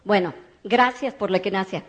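A woman giving a lively motivational testimony, acting out the voices of the people she quotes. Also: medium pitch, brisk. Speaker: network marketing speaker.

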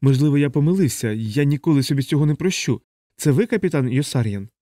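A man voicing a shy, nervous young army chaplain who speaks in a halting, apologetic way. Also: on the high side, lively intonation, mellow, no room sound, studio quality, natural voice. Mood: timid.

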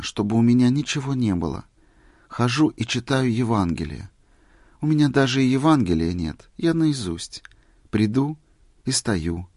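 A man reading aloud, voicing a meek, gentle wandering holy fool in a plain, humble way. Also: mid-range voice, no echo, clean studio sound. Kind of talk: story reading.

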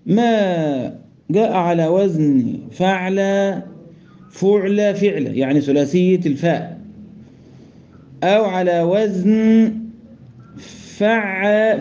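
A man with an Egyptian Arabic accent and a slightly high, mellow voice teaches Quran recitation rules step by step. He quizzes his students and chants verse quotations. The lo-fi recording sounds dull, with slight background noise.

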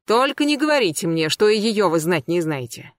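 A reader voicing a cold, persistent male police colonel, cutting and deliberately calm. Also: medium pitch, dry recording, lightly acted. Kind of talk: audiobook character voice.

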